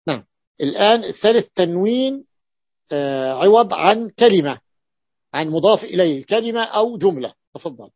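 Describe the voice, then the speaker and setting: A male sheikh teaches students a grammar lesson, repeating and stretching words to stress them. His voice sits high and is animated at a normal speed, on a dull, lo-fi, dry recording with no echo.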